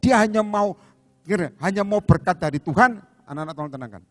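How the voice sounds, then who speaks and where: Animated high-voiced preacher man. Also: quick pace, no room sound, soft background music. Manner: animated, acts out voices of demons and Jesus, calls for amens. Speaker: evangelist preacher. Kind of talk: lively sermon. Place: church service.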